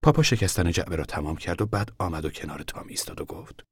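A man giving scripted narration for a radio drama in a measured, steady way. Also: deep voice, slightly rough, dry recording, studio quality.

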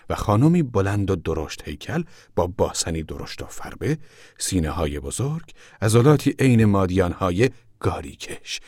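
A man reads a novel aloud in measured storytelling, his voice on the low side. His intonation rises and falls with lively movement. The sound is close and dry with no room around it. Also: slightly rough, no room sound. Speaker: audiobook narrator. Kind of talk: scripted narration.

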